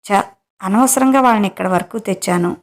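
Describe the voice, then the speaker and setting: A woman's voice: medium pitch, a little fast, lightly acted. A woman voicing a wary, worried older man in a romance audio story, with an anxious, questioning manner.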